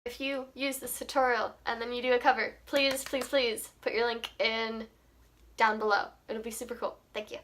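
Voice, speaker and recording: A woman's voice: a little high, level tone, moderate pace, a bit bright. A young woman with a cold, her voice scratchy and cracking, chatting apologetically through a casual ukulele tutorial at home. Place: home room with air conditioning. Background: her own ukulele playing.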